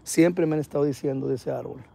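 A man hosting a live ghost-hunting stream outdoors at night, talking excitably in slang and reading viewer comments aloud. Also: on the high side, fast talker, vocal fry, no room sound. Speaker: paranormal livestream host.

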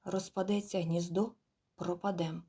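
A woman's voice: on the low side, fairly even intonation, a little slow, dark tone, slightly rough. A woman voicing a frightened, stern father gander in a storybook reading, scolding and fretting aloud. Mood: despairing. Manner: scolding, raised and urgent.

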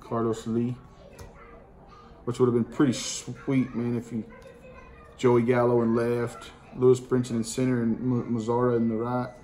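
Sitting in his home dining room, a man hosts a card collecting channel, casually reading off baseball card names one after another in plain, slangy speech. He talks at medium pitch and a moderate pace. The camera recording him rests on the table in front, and the room has a steady background noise.

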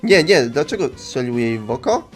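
A young man in casual reaction commentary, excitable and joking as he reads the lines aloud in quick asides. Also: medium pitch, slightly rough, soft background music. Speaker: YouTuber reacting to animations.

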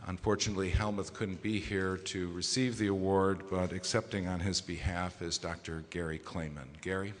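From a podium microphone, a very low-pitched man, the society's president, presents awards to a large conference hall in a formal, measured speech. His voice varies little in pitch and he often pauses on hesitation fillers, while the echoey hall gives a long reverberant tail over a noisy background.

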